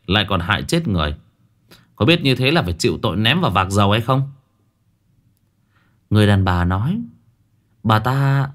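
A man with a lowish voice tells a ghost story. His delivery is lively and swings widely in pitch, dramatic but grounded.

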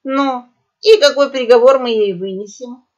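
A woman's voice: sits high, moderate pace, darkish tone, close to an everyday voice. A woman voicing a harsh male boar pirate captain who barks orders in a menacing way. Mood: stern. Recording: dull lo-fi audio.

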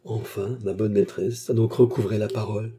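A man's voice: on the low side, fairly even intonation, moderate pace, dark tone, lightly acted. A man reading an audiobook, voicing a scheming young maid who fakes tender sorrow. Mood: feigned sorrow. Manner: sugary, feigning sorrow.

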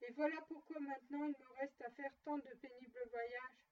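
A woman voicing a tormented male ghost in chains, speaking in a slow, solemn, declaiming way. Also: high-pitched, fairly even intonation, natural voice. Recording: muffled and distant.

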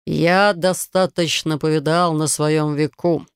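A woman reading an audiobook and voicing an imposing male clan chief who talks slowly and heavily. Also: sits low, steady tone, clear, resonant tone, no echo, clean studio sound. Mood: grim. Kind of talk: audiobook narration.

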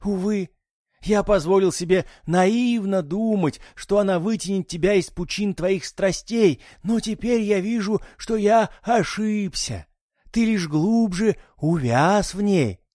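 A man voicing a weary, pious old father with a dry voice, quiet and reproachful. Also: high-pitched, unhurried, no room sound, voice pushed up.

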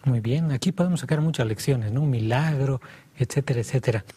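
A man's voice: medium pitch, fairly quick, dark tone, husky. A man hosting a casual discussion, affirming the others and putting questions to them. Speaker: host.

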